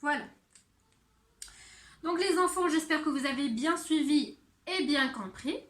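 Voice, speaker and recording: A woman teacher giving a handwriting and sounds lesson to young children, speaking slowly and clearly. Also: high-pitched, reverberant. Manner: slow, clear teacher talk addressed to children. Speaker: primary school teacher.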